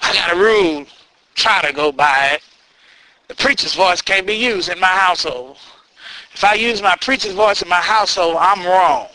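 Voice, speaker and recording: High, bright-voiced male preacher at a pulpit microphone. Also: moderate pace, poor audio. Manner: emphatic, repeats and builds phrases, stammering on words for emphasis. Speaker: pastor preaching. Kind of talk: fervent church sermon with call-and-response refrains.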